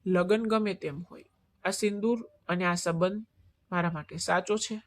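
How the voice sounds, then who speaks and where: A woman narrator voicing a devoted young wife, weak from fasting, speaking calmly and quietly. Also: fairly low pitch, close to an everyday voice. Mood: steadfast. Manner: calm, quiet, steadfast.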